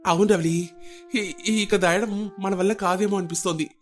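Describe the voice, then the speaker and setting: A man voicing an anxious grown son pleading with his mother in an animated story. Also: sits high, normal speed, soft background music, close to an everyday voice. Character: worried grown son, young husband.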